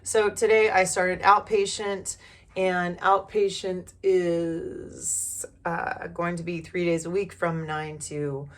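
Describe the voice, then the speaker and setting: A woman's voice: fairly low pitch, level tone, takes it slowly. A woman talking candidly to the camera in a casual personal vlog, rambling with many fillers and restarts. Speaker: vlogger.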